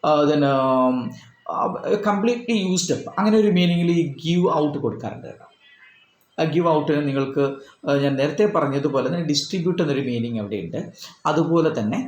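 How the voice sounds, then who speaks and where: Male English tutor, Malayalam accent, animated and repetitive delivery, echoey room. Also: fairly high pitch, moderate pace. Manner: repeats and rephrases points, fillers, explains patiently. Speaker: English teacher for exam prep. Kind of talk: explanatory lesson.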